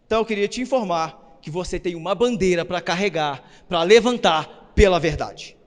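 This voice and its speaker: A man preaching a sermon as pastor, asking the congregation questions and building up to shouted emphasis. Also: sits high, moderate pace. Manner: rises to shouting when stressing a point. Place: church. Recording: long reverb of a church hall.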